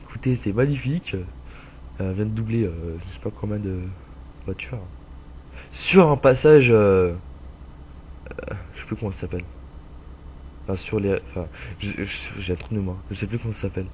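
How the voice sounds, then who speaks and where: A young man with a stuffy nose casually commentating a truck-driving game, rambling with lots of fillers and swearing, with loud bursts of frustration at other drivers. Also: on the low side, normal speed, long pauses, slight background noise. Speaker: gameplay commentator. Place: home room with a dog playing nearby.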